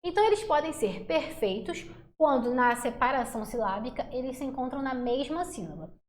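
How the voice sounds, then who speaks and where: A woman teaching a Portuguese phonetics lesson for exam prep in a casual, chatty way, slowing down to sound out syllables. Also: sits high, expressive. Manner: casual, chatty, addresses class as galera and gente. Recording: roomy echo.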